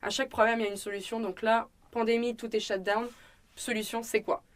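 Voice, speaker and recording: A young woman with a French accent, a restaurant owner appearing as a student guest, tells her story in a casual interview. She's chatty, uses many fillers and acts out bits of dialogue, speaking fairly quickly at a fairly high pitch with little pitch movement.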